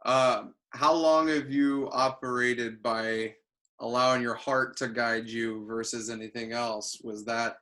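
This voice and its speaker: Bright-voiced male podcast host. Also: medium pitch, a little slow. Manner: relaxed, short encouraging replies and questions. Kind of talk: casual interview chat.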